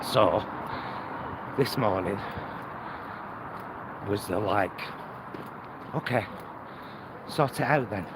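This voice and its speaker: His voice sits on the low side, with drawn-out words and long pauses, as the British vlogger talks casually to viewers during a street walk. He comes across as reflective, unsure and self-deprecating, while wind buffets the microphone and loud traffic and urban noise surround him.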